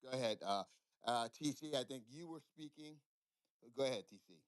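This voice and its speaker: A male podcast host speaks with energy, circling back over the same points. His voice is smooth and clean, recorded dry with almost no room sound. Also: mid-range voice, moderate pace, no echo. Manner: energetic, repeats himself, many fillers. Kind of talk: live podcast hosting.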